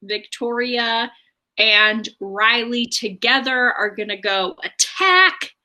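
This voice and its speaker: On a casual book podcast, this co-host chats her way through chapter recaps, using plenty of fillers. She speaks slowly, with a slightly high, bright, and forceful voice.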